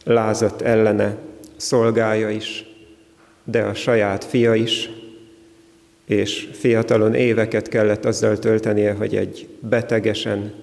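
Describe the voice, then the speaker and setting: Low gravelly guy preaching slow and steady, flat tone, big echoey hall. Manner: slow, measured, reflective delivery with long pauses. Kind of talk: sermon.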